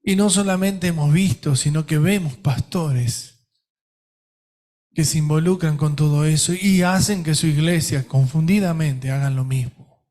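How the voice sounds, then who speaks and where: Slow, emphatic Argentine pastor preaching. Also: male voice, on the high side, steady tone, a little mellow. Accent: Argentine Spanish. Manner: emphatic, preaching with dramatic pauses. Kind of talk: sermon.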